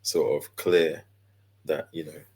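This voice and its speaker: A man, chatting easily as an interview guest, relaxed and full of fillers and small laughs. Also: very deep voice, slow, husky. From London, England. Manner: laid-back, easygoing, with many fillers and laughs. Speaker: guest, character designer and illustrator. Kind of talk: casual interview chat.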